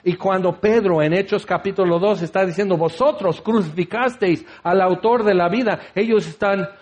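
A man's voice: high voice, moderate pace, darkish tone. A man preaching a sermon, teaching with rhetorical questions and acting out the voices he quotes.

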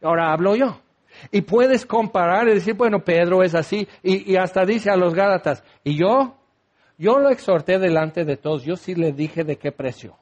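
A man preaching a sermon, lively and acting out the voices of the people he quotes. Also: high voice, normal speed, highs cut off. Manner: animated, acts out quoted voices.

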